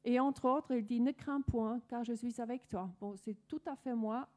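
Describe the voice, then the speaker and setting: A woman's voice: a little high, normal speed, darkish tone. A woman from Denmark with a Danish accent, earnestly telling her personal faith story with many restarts. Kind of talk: personal testimony.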